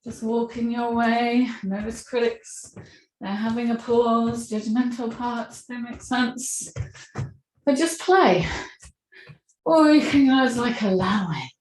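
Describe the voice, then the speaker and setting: A woman yoga instructor guiding a movement class with gentle, encouraging cues. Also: fairly high pitch, takes it slowly. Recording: echoey room.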